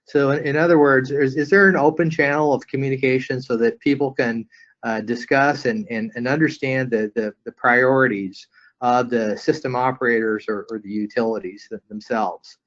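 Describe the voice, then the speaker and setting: A man's voice: medium pitch, fairly even intonation, a bit bright, highs cut off. A man moderating a webinar panel, reading audience questions and restarting his sentences often. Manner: halting, repeats words often.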